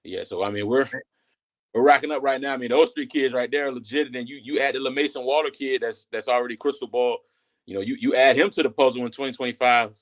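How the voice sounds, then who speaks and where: Fast-talking man in casual sports chat. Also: medium pitch. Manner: quick, loose talk with many fillers and restarts. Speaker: guest analyst.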